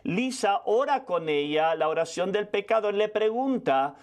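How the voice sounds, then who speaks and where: Older male preacher, high voice, rapid testimony-style sermon with restarts. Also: expressive. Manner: fast storytelling with frequent restarts.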